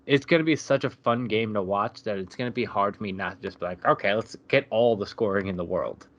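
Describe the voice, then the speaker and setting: A man's voice: lowish voice, fairly quick, dull audio. A man co-hosting a casual sports betting podcast, laid-back and drawing out his fillers. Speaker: podcast co-host.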